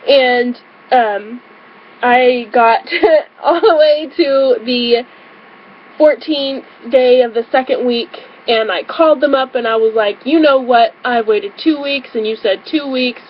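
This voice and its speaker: A young woman with a high voice chats through a story for her vlog. She giggles and leans on lots of fillers as she talks. The recording sounds slightly muffled, with a faint hum of the room behind her. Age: young adult. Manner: bubbly, giggly, frequent fillers. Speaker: vlogger. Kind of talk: casual storytelling.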